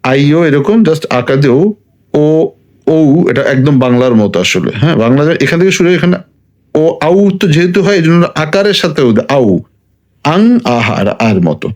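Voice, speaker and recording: A man teaching alphabet letters in a casual way, talking while he draws each stroke and repeating the sounds slowly. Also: fairly high pitch, lively intonation. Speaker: language teacher.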